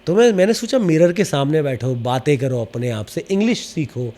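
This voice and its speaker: A man, an actor, telling lively anecdotes in a casual podcast interview, with a slight stammer and English phrases mixed in. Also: fairly high pitch, moderate pace.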